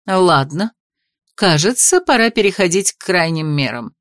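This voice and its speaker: A woman's voice: on the low side, lively intonation, a little slow, dry recording, studio quality. Woman as an imperious noble matriarch, scornful and commanding. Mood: indignant. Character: haughty aristocratic mother-in-law, imperious and scornful.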